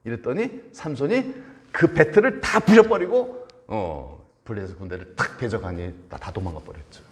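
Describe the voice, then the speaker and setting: A man's voice: fairly low pitch, lively intonation, moderate pace. A male pastor preaching at a Friday prayer meeting, retelling a story with questions to the congregation and short acted-out voices.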